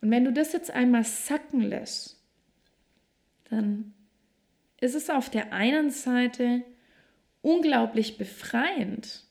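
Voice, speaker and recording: A woman hosting a self-help podcast, talking straight to the listener in a reflective monologue, slow and emphatic in places. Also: on the high side. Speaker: podcast host.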